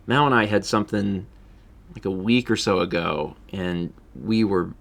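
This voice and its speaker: A man's voice: deep voice, normal speed, vocal fry, a bit bright. A man chatting casually on his livestream, laughing often and reading out viewer donations. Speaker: streamer.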